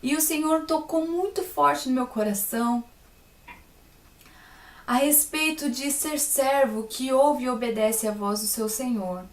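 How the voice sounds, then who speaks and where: A young Brazilian woman tells her faith testimony in a loose, personal way, often turning to her listeners with small asides. Her voice sits a little high. It sounds roomy and echoey, picked up from a distance. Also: measured pace. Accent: Brazilian Portuguese. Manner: chatty, personal, full of "né" and "sabe" asides to listeners.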